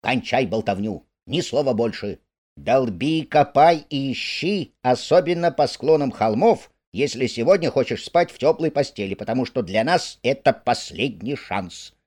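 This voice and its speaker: A man voicing an excitable, bossy male water rat in a storybook reading. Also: lowish voice, full character voice. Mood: excited. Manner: brisk, impatient, bossy.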